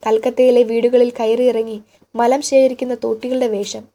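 A woman reading a literary novel aloud as an audiobook narrator, with measured, expressive storytelling. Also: fairly high pitch.

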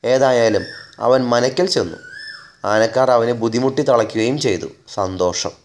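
A man reading a humorous story aloud as a storyteller, in a measured, wry, deliberate manner. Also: medium pitch, a little mellow.

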